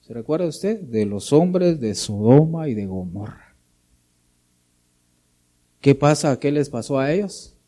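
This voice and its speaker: A man's voice: mid-range voice, lively intonation, a little slow, long pauses, dark tone. A man preaching a sermon, addressing his listeners directly and often asking them to agree. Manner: talks straight to listeners, keeps asking for agreement and calling them brother.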